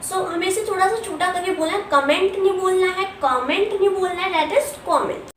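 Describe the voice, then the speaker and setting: A young woman with an Indian accent teaching a spoken English lesson, mixing Hindi and English and repeating words slowly to model pronunciation. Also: extremely high pitch, slight background noise. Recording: echoey room, voice from a distance.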